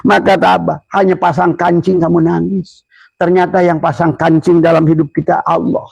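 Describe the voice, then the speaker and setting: Older male preacher, gravelly and husky, lively sermon delivery. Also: moderate pace, dry recording, muffled recording. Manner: animated, shifts into loud high voices for quoted speech. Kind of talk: Sufi sermon.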